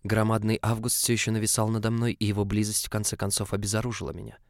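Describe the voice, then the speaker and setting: A man reading a story aloud as scripted narration in an even, measured way, close to the mic. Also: fairly low pitch, gravelly, no echo. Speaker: audiobook reader.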